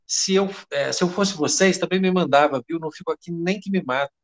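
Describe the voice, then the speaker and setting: A panicked middle-aged head cook, babbling in a rush and swearing oaths as he pours out his story, as a Brazilian-accented man voices him in a read-aloud tale. His voice runs fairly high and rattled. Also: a little fast, natural voice. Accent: Brazilian Portuguese.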